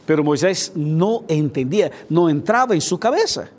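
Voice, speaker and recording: A man's voice: on the high side, expressive, moderate pace, a little mellow. A man preaching a sermon, retelling a Bible story and often checking in with his listeners through questions. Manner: repetitive, asks listeners "ok?" and "viste?".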